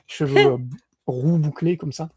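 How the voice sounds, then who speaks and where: A man's voice: a little high, steady tone, unhurried, slightly rough. A man co-hosting a podcast in casual chat, hesitant with many fillers and restarts. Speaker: podcast co-host.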